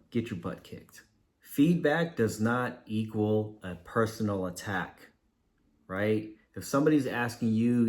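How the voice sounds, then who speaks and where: A man speaks casually at home, talking to the camera in a conversational flow. His voice sits a little low for a man. He trips over his words and repeats them as he works through his points. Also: a little mellow. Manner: conversational, loose, with filler and repeats. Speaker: vlogger giving career advice. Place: at home, with laundry machine nearby.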